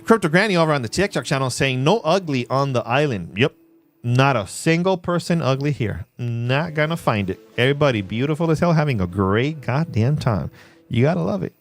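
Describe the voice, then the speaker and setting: A man hosting a casual livestream, playful and laughing often while he reads chat shout-outs. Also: medium pitch, animated, a little fast. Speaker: livestream host. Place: in Puerto Rico.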